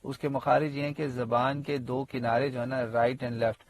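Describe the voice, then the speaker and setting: A man teaches tajweed in a conversational, explanatory way. His voice sits at a middling pitch, close and dry with no room sound. He wanders into asides and fills his pauses as he goes. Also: level tone, no room sound. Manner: explanatory, full of fillers and asides. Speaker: Quran teacher and imam. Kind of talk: spoken tajweed lesson.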